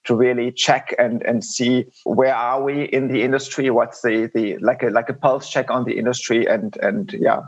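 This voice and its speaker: Man, podcast guest, husky voice, muffled online call sound, repeats words often. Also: mid-range voice, level tone, normal speed, few pauses. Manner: many repeated words and restarts. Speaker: podcast guest, software industry director. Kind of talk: conversational interview answers. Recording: dull lo-fi online call audio.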